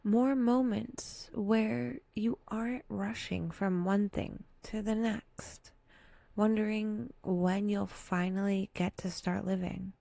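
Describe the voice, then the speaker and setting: In a soft, intimate guided meditation, a breathy woman speaks very slowly and gently, her mellow, mid-range voice creaky at the edges and often sinking toward a whisper. She uses long pauses, fairly even intonation and a lightly wry touch, with no echo.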